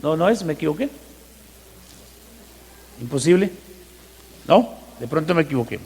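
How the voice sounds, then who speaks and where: A man preaching a teaching sermon, who asks the congregation rhetorical questions and slows down to stress scripture verses. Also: on the high side, animated, darkish tone. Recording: long hall reverb.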